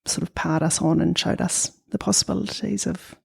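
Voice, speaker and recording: Gravelly-voiced new zealand woman. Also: fairly low pitch, steady tone, a little fast. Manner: thoughtful, hesitant, many ums. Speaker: guest artist. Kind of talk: interview answers.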